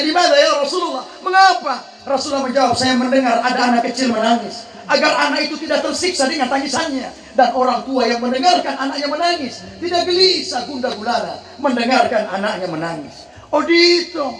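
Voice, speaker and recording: High-voiced joking preacher in echoey hall. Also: male voice, expressive, brisk, a bit bright. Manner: joking, call-and-response with the crowd, melodic Quran chanting. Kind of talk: humorous sermon with Quran recitation.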